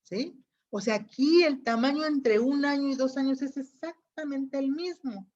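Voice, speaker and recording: A woman with a high, slightly mellow voice teaches an online class at an unhurried pace, explaining things patiently and frequently asking questions to check that her students are following. The audio is dull and lo-fi.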